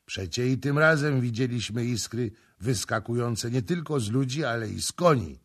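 A shrewd old man answers calmly and knowingly in a husky voice, as a male reader plays him. His pitch sits in the middle, steady and unhurried. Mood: matter-of-fact. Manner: calm, knowing. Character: old shrewd Libyan man, matter-of-fact.

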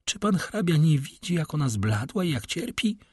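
A man voicing a gentle, grateful young woman in a read-aloud novel, earnest and eager. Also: on the high side, very animated, normal speed, slightly rough, dry recording, clean studio sound, pitched above the performer's own voice. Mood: alarmed.

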